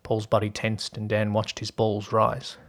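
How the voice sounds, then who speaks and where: A man hosting a podcast and narrating a story in an even, steady reading voice. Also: on the low side, unhurried.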